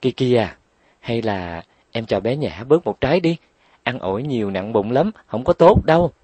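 A man voicing a kind boy who gently coaxes and soothes a younger girl. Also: mid-range voice, expressive, normal speed, husky, no room sound. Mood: coaxing. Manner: coaxing, gentle pleading. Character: kind older boy soothing little girls.

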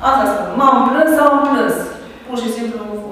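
A woman's voice: a little high, a bit bright, a little hiss or hum. A woman teaching a class, explaining step by step and often checking that students follow. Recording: echoey classroom from far off.

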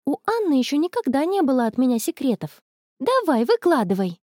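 A woman's voice: high voice, big pitch swings, a little fast, a little mellow, dry recording, studio quality, pitched above the performer's own voice. Connie, a woman reading an impatient young schoolgirl. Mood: eager.

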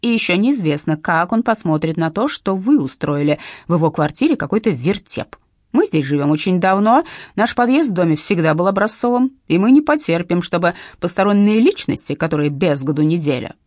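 A woman reading as a pompous, commanding general's widow, shouting down her neighbours in a lively, rising and falling voice. Her tone is dark and slightly husky, close and dry in the recording. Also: fairly low pitch, fairly quick, dry recording. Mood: indignant. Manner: indignant, scolding, loud. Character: bossy pompous middle-aged general's widow.

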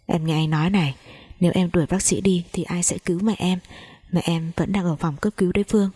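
A steady young man tries to calm his girlfriend with soothing, urgent words. The voice is low and husky. A woman storyteller voices him. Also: fast talker, no room sound, studio quality.

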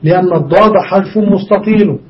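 A man's voice: sits high, a little fast, recorded from a distance. A man teaching a grammar lesson, explaining step by step, repeating examples and asking his students questions. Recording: dull recording from off-mic.

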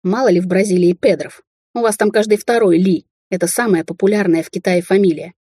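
A proud and easily offended young rich woman with a high, shrill edge to her voice, as the audiobook reader puts her on. The voice is dark and husky underneath, recorded close and dry. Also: fairly even intonation, a little fast, dry recording, close to an everyday voice. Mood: sarcastic.

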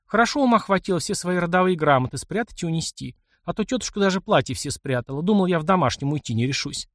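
A man voicing a defiant, tearful, sharp-tongued young noblewoman in an audiobook. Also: high-pitched, lively intonation, fast talker, no room sound, clean studio sound, voice pushed up. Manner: teasing, challenging. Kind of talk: audiobook character voice.

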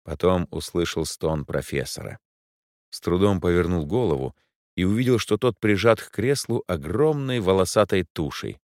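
A man narrating a story aloud in an expressive way. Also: deep voice, moderate pace, no echo, clean studio sound. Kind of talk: audiobook narration.

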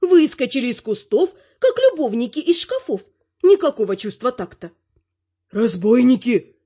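A woman narrating a fantasy audiobook with even, expressive storytelling. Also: sits high, normal speed, lo-fi sound.

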